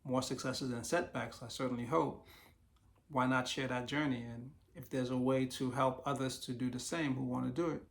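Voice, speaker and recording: A man in a casual solo vlog, slightly hoarse from losing his voice, reflectively walking through a list of business ideas. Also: mid-range voice, fairly even intonation, normal speed. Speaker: YouTube creator sharing business ideas.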